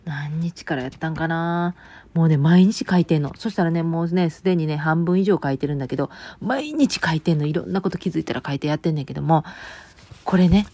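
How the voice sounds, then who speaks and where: Fast-talking Kansai woman, low voice. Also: dark tone, no room sound. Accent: Kansai Japanese. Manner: chatty and joking, many fillers and asides. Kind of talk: casual rambling monologue.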